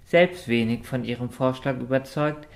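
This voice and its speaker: A man's voice: medium pitch, normal speed, creaky. A man narrating a children's storybook audiobook. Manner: lively character voicing.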